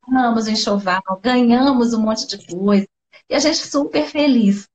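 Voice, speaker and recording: A woman's voice: fairly high pitch, unhurried, darkish tone. A woman with a Brazilian Portuguese accent, a guest sharing a personal story with heartfelt emotion on a video call, often saying "né" and "sabe". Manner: heartfelt, tearful at times, fills speech with "né" and "sabe". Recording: dull lo-fi live stream audio.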